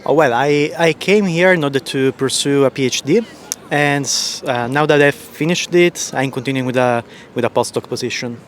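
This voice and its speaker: A man's voice: medium pitch, moderate pace, a little hiss or hum. A man from Sicily, a researcher answering street interview questions thoughtfully, with restarts. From Sicily, Italy. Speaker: postdoctoral researcher. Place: city street outdoors.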